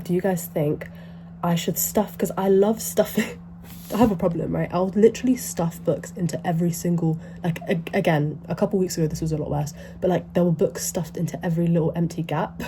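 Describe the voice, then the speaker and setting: A woman's voice: fairly low pitch, noisy background. A young woman with a blocked nose and short breath, chatting casually in a vlog at home by her bookshelf, rambling and upbeat with lots of "like". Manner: rambling, upbeat, fills speech with "like". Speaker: book vlogger.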